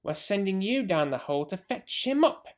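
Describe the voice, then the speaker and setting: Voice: mid-range voice, big pitch swings, normal speed, close to an everyday voice. A reader voicing a tall, skinny, cruel male farmer in a storybook, sneering and menacing.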